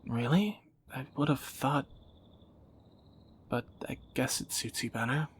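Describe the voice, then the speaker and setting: In one side of a romantic audio roleplay, a man voices a tender, wry young thief, teasing and intimate and often sinking toward a whisper. His mood is musing, and his medium-pitched, slightly rough voice moves at a measured pace.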